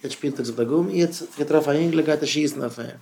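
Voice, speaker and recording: A man giving an encouraging talk to teachers as a rabbi. He moves between quiet, low asides and loud, impassioned stretches. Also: very fast, gravelly, slight background noise. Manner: swings from low murmurs to loud impassioned bursts. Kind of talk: Yiddish chizuk talk.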